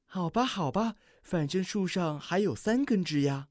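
Reader doing a sweet young deer, soft and gentle, gives in easily, storybook. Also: medium pitch, lively intonation, moderate pace, dry recording, studio quality, voice pushed up, close to an everyday voice. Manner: gentle, yielding. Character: kind, playful young deer posing as a tree.

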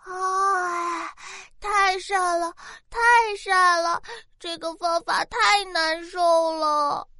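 A woman voicing a curious, easily scared little girl rabbit in a children's storybook, childlike and excitable. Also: very high-pitched, extremely slow, no room sound, studio quality, heavily acted. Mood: fussing. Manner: childlike, whiny, excitable outbursts.

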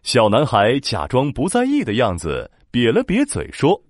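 A man tells a children's story, his pitch leaping widely through every phrase. The sound is close and dry, with no room around it. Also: normal speed, no echo. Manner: animated, expressive.

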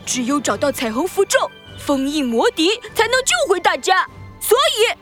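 A woman voicing a plucky, excitable little boy pig hero in a children's audio story, with an eager, childlike delivery. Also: high voice, moderate pace, soft background music. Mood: earnest, brave.

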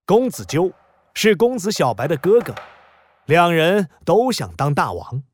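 A man narrating a children's story in an expressive, explanatory way. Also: a little high, measured pace.

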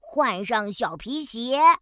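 A woman plays a cheerful little bear cub in a storybook, high and bright, swooping all over in a sing-song way. He talks slowly and lays on playful sound effects, recorded close and dry. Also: expressive, dry recording, heavily acted. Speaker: storybook narrator in character. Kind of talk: children's storybook narration.

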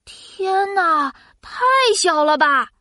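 High, bright, curious cartoon child. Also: female voice, slow, no room sound, heavily acted. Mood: curious, impressed. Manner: childlike, exclaiming, wide-eyed. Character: curious, cheerful little child host, easily amazed. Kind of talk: children's science cartoon presenting and dialogue.

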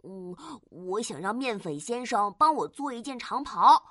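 A woman voicing an excited, chatty mushroom superhero in a children's audio story, gushing eagerly. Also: on the high side, a little slow, no echo, studio quality.

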